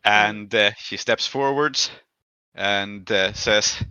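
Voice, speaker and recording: A man works as game master of a tabletop game. He narrates casually in a fairly low, very bright voice. The sound is close and dry. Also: takes it slowly, clean tone, no room sound, dull audio.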